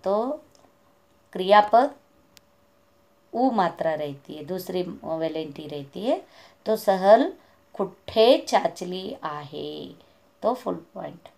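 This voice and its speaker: A woman teacher, explaining a school language lesson and slowly repeating words for her students. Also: fairly low pitch, lively intonation, vocal fry, a little mellow.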